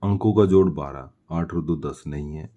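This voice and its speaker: Explaining a maths problem one step at a time, a man asks himself questions and then answers them in a worked-solution lesson. He has a dark, rumbling low voice at a moderate pace, and the audio sounds dull.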